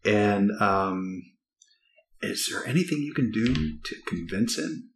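Man, player, low pitch, quiet easygoing questions, casual game chat. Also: animated, slow pace, a little hiss or hum.

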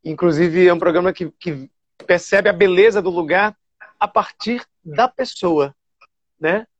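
A TV presenter from Bahia, telling stories animatedly with fillers and restarts. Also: male voice, sits high, a little slow, dry recording, lo-fi sound. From Bahia, Brazil. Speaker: TV show presenter. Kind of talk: casual storytelling interview.

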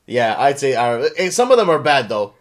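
A man's voice: medium pitch, sing-song, brisk. A young man hosting a podcast, teasing his co-host and steering the casual chat. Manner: teasing, laughing, steering the talk.

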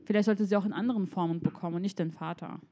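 A woman co-hosting a podcast, her voice mellow and dark in tone. She talks in a relaxed, thoughtful way and often chimes in with short agreeing responses. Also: lowish voice, racing. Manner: relaxed, reflective, frequent listening responses. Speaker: podcast co-host. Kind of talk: casual podcast chat.

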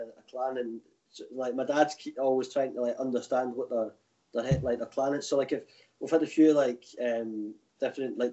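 A Scottish man chats casually in a broad Glasgow accent, rambling through anecdotes in everyday slang. His voice is medium in pitch, with a slightly muffled, lo-fi sound. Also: mellow. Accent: broad Glaswegian Scottish. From Glasgow area, Scotland. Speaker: guest, tour operator. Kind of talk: casual chat.

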